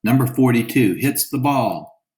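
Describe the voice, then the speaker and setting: A man voicing an excited male radio baseball announcer, calling the play emphatically and high. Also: slow, poor audio. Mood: announcing.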